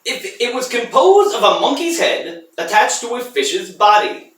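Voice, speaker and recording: A man's voice: high-pitched, very animated, a little slow, fairly bright tone. A man co-hosting a podcast, joking dryly and reading a history segment aloud. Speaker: podcast co-host. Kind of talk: casual chat and reading history. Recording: echoey room, far from mic.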